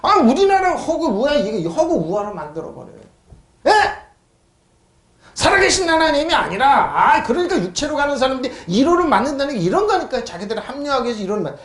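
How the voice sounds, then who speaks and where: A man's voice: extremely high pitch, very animated, fast, fairly bright tone, reverberant. A male pastor preaching a sermon who keeps asking his congregation questions and answering them himself. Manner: mocks scoffers in a raised voice. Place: church sanctuary.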